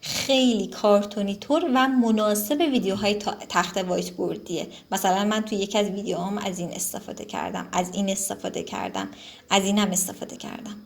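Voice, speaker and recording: A woman giving a casual screen-recorded software tutorial, relaxed and chatty, with frequent fillers and self-corrections. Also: medium pitch, gravelly.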